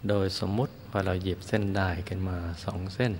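A man teaching Buddhist meditation, guiding listeners gently and soothingly in short phrases with long pauses. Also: sits low, steady tone, a little hiss or hum. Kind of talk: guided meditation instruction.

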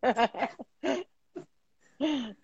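A woman's voice: high-pitched, drawn-out words, a little mellow, breathy edge, dry recording, muffled recording. A woman co-hosting a casual chat show over a video call, talking earnestly and rambling, with many fillers and restarts. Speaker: podcast co-host.

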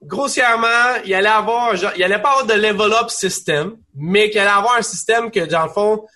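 A young man with a Quebec French accent, co-hosting a casual gaming chat, rambling and animated with many restarts. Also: high-pitched, brisk. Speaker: podcast co-host.

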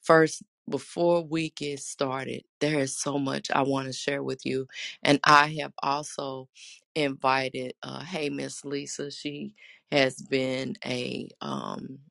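Faith host with a really raspy gravelly voice, slow, praying n sharing, kinda flat pitch. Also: dry recording, clean studio sound. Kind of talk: devotional talk and prayer.

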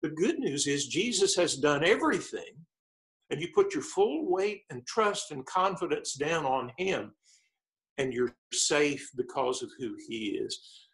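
A male preacher telling stories in conversation, halting and often repeating his words. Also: on the high side, sing-song, fairly bright tone. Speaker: preacher guest. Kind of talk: conversational storytelling.

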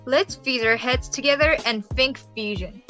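A woman's voice: measured pace, fairly bright tone, soft background music. A young woman as a peppy infomercial announcer. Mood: salesy. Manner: salesy pitch.

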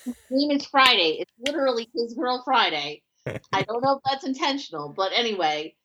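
A woman's voice: fairly high pitch, animated, a little fast, background noise. Chatty woman discussing a film. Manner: chatty, fond, peppered with "like" and "you know". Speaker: podcast co-host.

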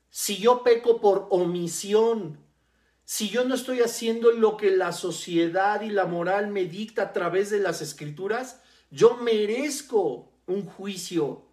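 A preacher delivering a sermon, stressing key words by slowing down and repeating them. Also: mid-range voice, a little mellow. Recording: roomy echo.

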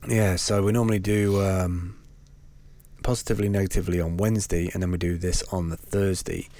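A man co-hosting a podcast, chatting in a relaxed way and laughing easily. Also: low voice, brisk, no echo. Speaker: podcast co-host. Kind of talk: casual chat.

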